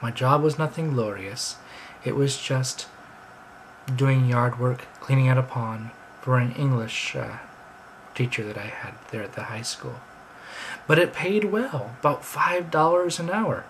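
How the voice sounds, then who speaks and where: A man's voice: mid-range voice, measured pace, slight background noise, low-quality recording. Chatty American man reminiscing. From United States. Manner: rambling, chatty, drifting between anecdotes. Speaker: vlogger. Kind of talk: casual storytelling monologue.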